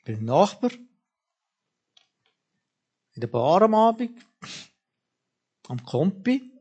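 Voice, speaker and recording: A man's voice: high-pitched, sing-song, extremely slow, darkish tone, husky, highs cut off. A man preaching a sermon, talking straight to his listeners and firing off repeated questions at them.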